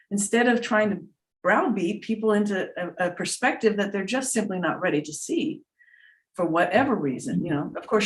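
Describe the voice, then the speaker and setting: A woman talking casually about spiritual matters as a teacher, earnest and rambling as she thinks aloud. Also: mid-range voice. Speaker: spiritual teacher and trance channeler, guest speaker. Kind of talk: casual spiritual talk with personal anecdotes.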